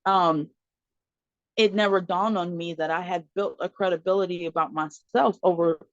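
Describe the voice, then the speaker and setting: A lively woman, an adult mother of four, tells her own story as a podcast guest, slipping into the voices of the people she quotes and laughing often, with plenty of fillers. Her pitch is fairly low and her speed normal. The audio is dull and lo-fi like a remote call, in a dry, close room with no echo.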